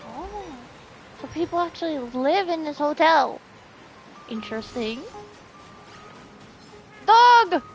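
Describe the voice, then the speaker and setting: A game streamer with a high, animated voice chats casually while playing, reacting and reading chat aloud in a let's-play style. She speaks unhurriedly with long pauses, and faint music plays behind her.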